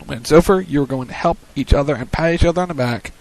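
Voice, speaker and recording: A man's voice: a little high, fast, darkish tone, poor audio. A man co-hosting a wrestling post-show on web radio, recapping segments and calling matches like a commentator. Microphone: studio mic on a web radio show.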